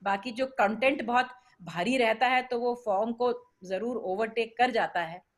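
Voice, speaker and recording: A woman speaking earnestly in a casual discussion, pausing often with fillers. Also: fairly high pitch. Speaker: workshop participant.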